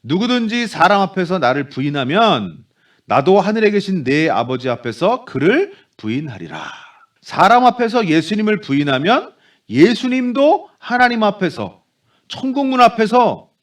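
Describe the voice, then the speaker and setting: A man preaching a Sunday sermon as pastor, animated, dropping into soft low voices for quoted speech. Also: normal speed. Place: church sanctuary.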